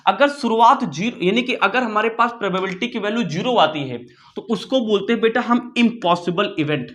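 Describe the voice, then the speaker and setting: A man's voice: sits high, fairly quick, a bit bright. A man with an Indian accent teaching maths informally to school students online, repeating phrases, coaxing attention and often checking understanding with questions. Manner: addresses listeners familiarly, coaxing attention.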